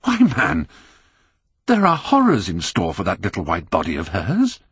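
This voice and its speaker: A man acting an anguished, earnest British painter, swooping pitch. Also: wildly swooping pitch, moderate pace, a bit bright, slightly rough, no room sound, heavily acted. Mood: pained, reproachful. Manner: grave, pained, reproachful. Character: earnest, anguished male painter pleading with his friend. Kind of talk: audiobook character acting.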